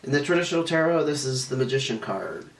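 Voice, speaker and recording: A man with a medium-pitched, lively voice talks quickly, sounding stuffy and nasal from a cold as he chats casually through a tarot reading. He's a tarot reader who meanders, corrects himself, and drifts off topic. The recording comes from an echoey room with a distant mic and faint noise.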